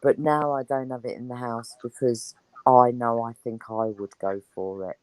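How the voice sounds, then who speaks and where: A woman's voice: extremely low pitch, fairly even intonation, normal speed, a little mellow, no room sound, poor audio. Chatty woman with a dry voice. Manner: chatty, rambling, enthusiastic. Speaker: guest on an online chat show. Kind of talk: casual chat.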